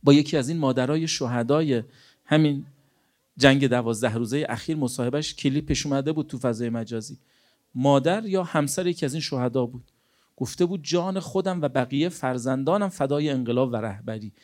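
A man's voice: mid-range voice, darkish tone. A man preaching a sermon in an earnest, exhorting way, often asking rhetorical questions. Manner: rhetorical questions, acts out imagined dialogues.

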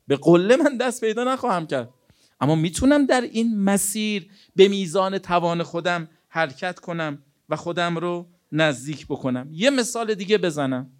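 Fairly high-voiced earnest male preacher. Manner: rhetorical questions, acts out imagined dialogues; earnest, exhortative. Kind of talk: sermon.

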